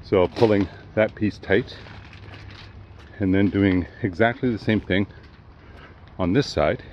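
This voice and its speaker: Holding a handheld camera at arm's length, an older man with a fairly low voice slowly and casually narrates a tour of his homestead project outside. Relaxed and hesitant, he uses plenty of fillers like um and uh, while the dull lo-fi audio picks up obvious wind.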